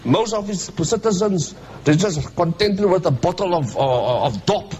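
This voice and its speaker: A man's voice: high-pitched, animated, unhurried, darkish tone, muffled recording, a little hiss or hum. A man with a Cape Town South African accent preaching a colloquial Friday sermon, impassioned and addressing his listeners directly with rhetorical questions.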